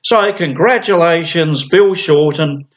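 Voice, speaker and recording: Aussie guy doing a mock awards show, slow and sarcastic, kinda high voice. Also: muffled recording. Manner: sardonic, mock-ceremonial announcing. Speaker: podcast host. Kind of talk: scripted monologue.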